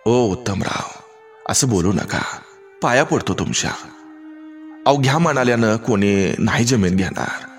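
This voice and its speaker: A man voicing a humble, pleading village father with a rural Marathi accent, speaking softly and tearfully. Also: fairly low pitch, animated, a little slow, soft background music. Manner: soft, begging and tearful.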